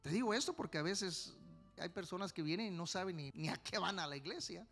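A male pastor preaching a sermon with passion, swinging between quiet stretches and sudden loud outbursts. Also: high voice, expressive, a little fast, creaky, faint music behind.

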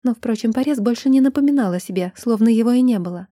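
A woman narrates an audiobook in an even, measured way. Her voice sits somewhat high, with a soft, mellow tone. The reading is close and dry, with no room sound. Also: dry recording. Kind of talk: scripted narration of a romance fantasy novel.

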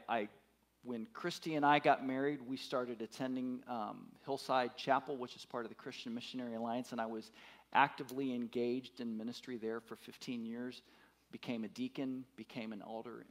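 A man's voice: medium pitch, steady tone, normal speed. A man in his fifties preaching a sermon, emphatic, repeating his words and putting questions to the congregation. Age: 50s. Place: church.

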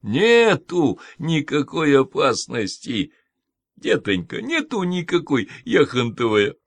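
A man voicing a falsely sweet old woman nurse who soothes in slow, drawn-out tones. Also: on the high side, sing-song, no echo, studio quality, exaggerated voice. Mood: soothing. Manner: soothing, drawn-out, affectionate pet names.

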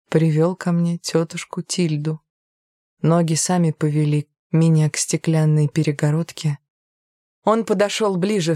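A woman narrating a novel in the first person, telling it calmly and evenly. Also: low-pitched, dry recording, studio quality. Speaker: audiobook narrator.

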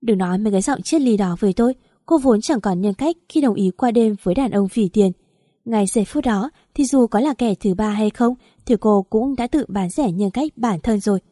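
A woman reading the lines of an arrogant, scornful married man in an audio story, in a warm, dry voice. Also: medium pitch, fairly quick, no room sound, natural voice. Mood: contemptuous. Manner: scornful, insulting. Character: arrogant wealthy married man, cold and cutting.

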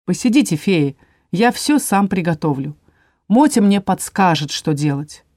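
A woman voicing a calm male dragon inquisitor who speaks softly and soothingly. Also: lowish voice, unhurried, dry recording, clean studio sound. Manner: soft, soothing, hushed.

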